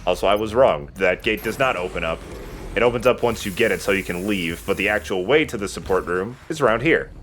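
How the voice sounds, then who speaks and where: Hosting a let's play, this man chats and jokes his way through the game in a rambling way. His voice is fairly low and fairly bright, with lively intonation and a slightly fast pace. Video game music plays, with slight background noise.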